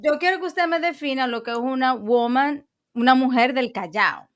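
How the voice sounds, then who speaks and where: A woman's voice: high-pitched, moderate pace, a bit bright. A woman hosting a podcast, asking curious, playful questions in a casual chat. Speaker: podcast host.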